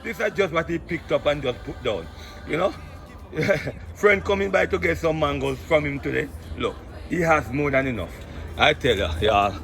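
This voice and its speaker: Excited jamaican guy filming his yard on his phone, keeps going "look at this", up and down voice. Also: fairly high pitch, normal speed, creaky, soft background music. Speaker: vlogger. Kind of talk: casual walking tour vlog. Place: outdoor yard with fruit trees.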